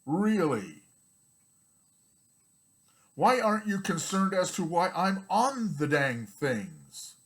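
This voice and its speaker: A man's voice: high-pitched, sing-song, slow pace, long pauses, a bit bright. A man ranting bluntly and repetitively in a vlog, coughing now and then, his throat strained from talking so long. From United States. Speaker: vlogger.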